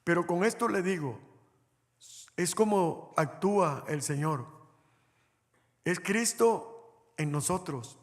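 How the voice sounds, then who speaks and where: High-pitched gravelly pastor in a hall. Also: male voice, expressive, takes it slowly, long pauses. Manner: storytelling, addresses the congregation directly. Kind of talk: sermon. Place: church hall. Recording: church hall reverb.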